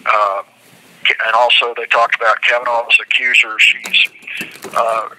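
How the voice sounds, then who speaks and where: A man's voice: medium pitch, flat delivery, a little slow, bright, forceful tone, slight background noise, rough recording. A man speaking indignantly and emphatically on a prison phone, as an inmate calling out from jail. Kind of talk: impassioned phone talk. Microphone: telephone.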